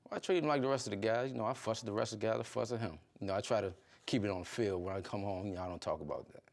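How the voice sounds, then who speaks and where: A middle-aged football coach from Virginia, United States, chats casually as an interview guest. His voice is fairly low and darkish, with vocal fry, and he talks at a racing pace in colloquial speech peppered with "you know."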